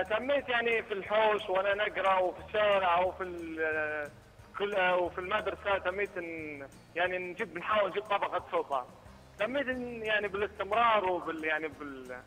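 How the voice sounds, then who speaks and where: A young Libyan man calls in to a morning show by phone. His voice is high for a man, and he keeps stopping to search for words. Faint music plays under the call. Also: fast talker, sharp tone, rough recording. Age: young adult. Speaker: phone-in guest, media student. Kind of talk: phone interview.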